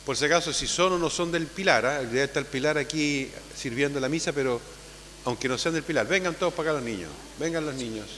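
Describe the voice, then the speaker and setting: A man, a priest giving a conversational homily at Mass, often tagging his sentences with a questioning "ah?" and calling loudly when he gathers the children. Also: a little high, fast. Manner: conversational, tags phrases with "¿ah?". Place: church. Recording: long church reverb with faint hum.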